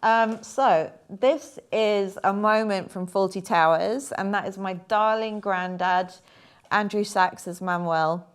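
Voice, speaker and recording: A young woman, chatting casually and a bit haltingly about her paintings. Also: medium pitch, clear, resonant tone. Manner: chatty, rambling, hesitant with fillers. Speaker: artist talking through her paintings. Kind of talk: casual chat.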